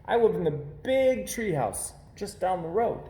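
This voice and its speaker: A man's voice: high-pitched, sing-song, unhurried, dark tone, voice pushed up. A man voicing a young boy bear cub for a children's storybook, earnest, loyal and direct. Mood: friendly, curious. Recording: roomy, echoing home recording.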